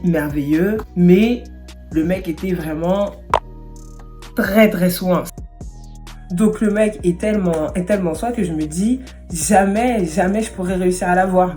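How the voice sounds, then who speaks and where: A young adult woman telling a casual storytime in slangy, animated speech full of fillers, recorded without an external microphone. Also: fairly low pitch.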